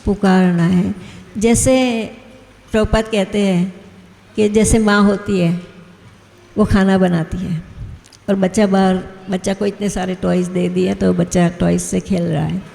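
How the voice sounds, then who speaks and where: A woman's voice: medium pitch, steady tone, measured pace, creaky, mellow. A woman giving a devotional talk to a gathering, telling anecdotes and chuckling as she goes. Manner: storytelling, chuckles often. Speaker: guest speaker at a devotional gathering. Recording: echoey hall with long reverb.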